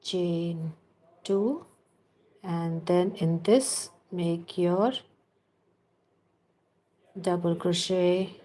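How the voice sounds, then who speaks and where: A crochet teacher leads a live tutorial, patiently explaining each step, counting stitches aloud and making chatty remarks to her viewers. Her low-leaning voice is steady and mellow, very slow, with frequent pauses.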